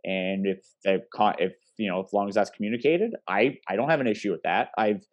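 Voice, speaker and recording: A man, a jiu-jitsu instructor, talking casually on a podcast in a loose, animated way. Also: on the low side, a little fast, highs cut off. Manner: loose, animated, acts out quotes.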